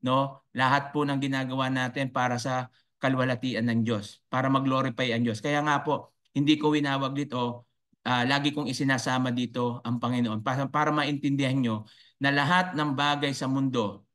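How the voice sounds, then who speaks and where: A man from the Philippines giving an online business coaching talk, preachy and faith-filled, who keeps asking his viewers "right?" and lets his voice rise high on emphasis. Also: fairly even intonation, moderate pace, fairly bright tone. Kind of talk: motivational live talk to viewers.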